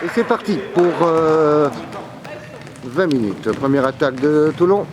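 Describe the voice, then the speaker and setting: A man giving live sports commentary in a halting way, searching for his words. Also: fairly high pitch, heavy background noise. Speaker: match commentator. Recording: loud sports hall crowd and bouncing balls. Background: crowd and ball bounces.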